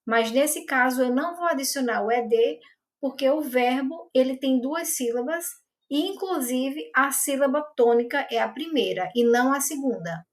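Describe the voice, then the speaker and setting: Woman English teacher, patient and methodical, a touch high-pitched, reads out examples slowly. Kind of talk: explaining grammar to learners.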